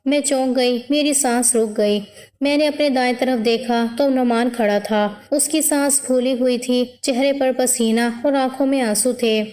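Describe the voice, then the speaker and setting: A woman's voice: high voice, fairly even intonation, darkish tone. Woman narrating a solemn story, reverberant. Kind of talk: scripted first-person story narration. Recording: long hall reverb.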